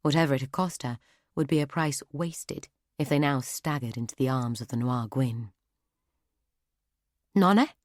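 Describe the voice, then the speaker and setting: Low-voiced woman reading an audiobook. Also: no room sound, studio quality. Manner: steady, measured reading. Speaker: audiobook narrator. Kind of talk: scripted narration.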